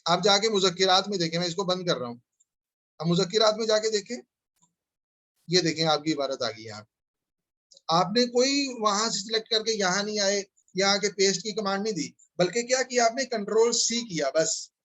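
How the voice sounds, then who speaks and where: A man teaching a software tutorial over a screen recording, explaining each step patiently and often checking that listeners follow. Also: sits high, lively intonation. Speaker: instructor.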